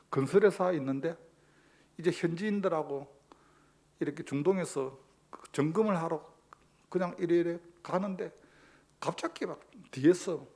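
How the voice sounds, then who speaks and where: A man's voice: on the high side, darkish tone, slightly rough. A male pastor, preaching a sermon emphatically and posing rhetorical questions to the congregation.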